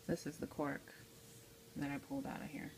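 This woman's voice is very deep and creaky, delivered flatly at a moderate pace over a noisy background. She's an amateur how-to creator filming a casual step-by-step tutorial in her home kitchen at the stove, frequently checking in with viewers, using a handheld phone behind the camera.

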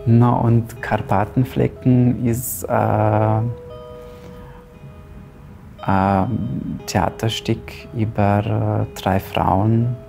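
A Romanian playwright in his thirties answers interview questions over music, his lowish, creaky voice barely moving in pitch. He speaks with a Zipser German dialect, hesitating often and filling pauses with fillers. A lapel mic captures him in a large, ornate hall.

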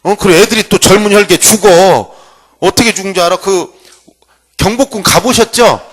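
A man's voice: high-pitched, fairly quick. A man giving a humorous history lecture, joking with students and acting out quotes from the past. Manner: playful, acts out quotes. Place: lecture room.

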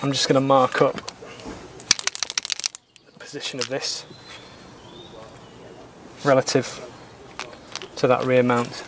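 A man in his thirties from Britain, a sailor, explains boat repair steps while working outdoors in a garden workshop, speaking slowly and pausing often. He stays calm, methodical and plain-spoken, occasionally blunt and mildly opinionated, his pitch level and even. Faint background hum is audible on the outdoor camera mic.

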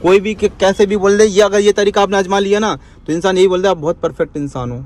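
A man's voice: sits high, flat delivery, quick pace, darkish tone. A man giving a driving lesson from inside a car, talking his student through each step and repeating his commands. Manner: instructive, repeats commands, tags lines with "ठीक है". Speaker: driving instructor.

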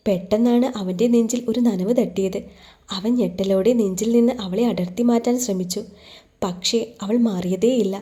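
A woman storyteller reading a romance novel aloud in a steady, measured way. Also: mid-range voice. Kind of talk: scripted audiobook narration.

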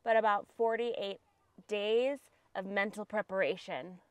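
A woman in her thirties performing a comic camping sketch outdoors with a lapel mic, chatty and dramatic, swinging from hushed asides to excited bursts. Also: medium pitch, unhurried, clean tone, dry recording. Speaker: comedy sketch host. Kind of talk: comedic sketch monologue to camera. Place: forest campsite outdoors.

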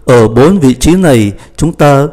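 A man's voice: mid-range voice, expressive, dark tone. Patient male French grammar teacher. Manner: slow, patient, spells out letters and repeats conjugations. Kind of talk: grammar lesson explaining verb conjugation.

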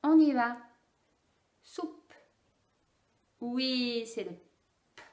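Woman speech therapist demoing sounds slowly for parents, roomy echo. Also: fairly high pitch, darkish tone. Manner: slow, careful, demonstrating sounds. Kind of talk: instructional demonstration for parents.

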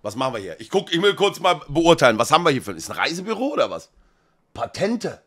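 Animated German streamer reacting. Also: male voice, a little high, fast talker. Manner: animated, jokey, talks to chat.

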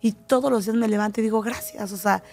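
Gravelly-voiced Mexican woman telling stories. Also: mid-range voice, fast talker. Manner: animated storytelling, acting out quoted voices. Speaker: guest. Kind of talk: casual talk show conversation.

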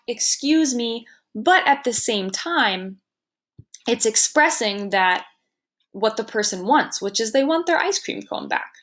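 In a recorded lesson, a woman teacher explains things patiently, checking understanding with "right?" and occasionally acting out short quotes in a higher voice.

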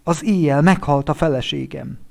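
A man voicing a grief-stricken middle-aged man in a storybook reading, speaking high and strained, his voice breaking as he pleads over the telephone. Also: gravelly, a little mellow. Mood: distraught.

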